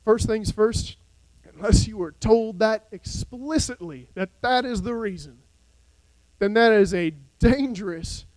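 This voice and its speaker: Brief: a male pastor with a very high voice, passionate sermon delivery, dropping soft then rising to a shout, dry close sound. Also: unhurried, dry recording, low-quality recording. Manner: impassioned, wide swings between soft and shouted.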